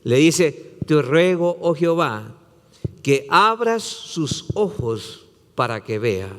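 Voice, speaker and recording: A man preaches from the pulpit, retelling a scripture passage with dramatic voicing and repeated phrases. His voice sits fairly high and rises and falls sharply. A long reverb from the church hall trails behind every phrase. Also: sing-song, takes it slowly, a bit bright. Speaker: pastor. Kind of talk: sermon.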